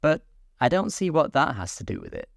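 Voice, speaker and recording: Man playing a curious little girl, polite, raised pitch, gentle storybook voice. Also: wildly swooping pitch, a little fast, creaky, no room sound, studio quality, exaggerated voice. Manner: polite, earnest.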